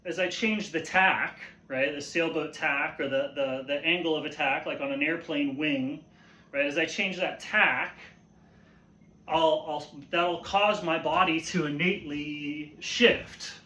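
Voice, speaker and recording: A man with a slightly high, sharp-toned voice teaches martial arts informally, pausing, repeating phrases, and often adding a questioning tag to check understanding. The recording sounds roomy and echoey.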